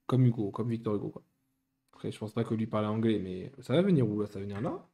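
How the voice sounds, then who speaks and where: Casual young male YouTuber with a mellow voice, rambling as he builds. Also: fairly low pitch, expressive, quick pace, gravelly. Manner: rambling, self-correcting, chatty. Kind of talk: casual chat while building.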